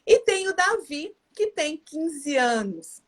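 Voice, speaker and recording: A woman's voice: high-pitched, very animated, slow. A woman, hosting a live stream in a chatty way with many fillers and restarts. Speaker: live stream host, educator. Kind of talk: casual live stream chat.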